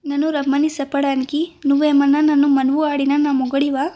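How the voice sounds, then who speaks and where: A woman's voice: sits high, little pitch movement, a little fast, dark tone, lightly acted. A woman voicing a stubborn village bride who scolds in rustic village speech. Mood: scolding.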